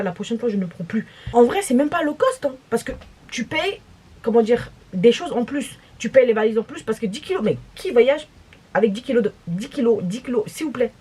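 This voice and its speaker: A young woman with a French accent, telling a story in a casual vlog, exasperated and animated, with many restarts. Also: on the high side, breathy edge. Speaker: vlogger.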